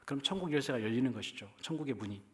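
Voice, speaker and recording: A male pastor with a Jeolla accent delivers a sermon in a church, speaking at an ordinary middle pitch. He talks to the congregation in a conversational way and often turns to them with rhetorical questions. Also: expressive, racing. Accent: Jeolla Korean. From Jeolla region, Korea.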